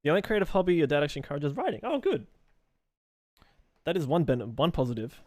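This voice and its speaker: A man's voice: fairly high pitch, animated, racing, no room sound. A young man live streaming while he draws, chatting loosely with viewers and reading out and answering their messages in a rambling way.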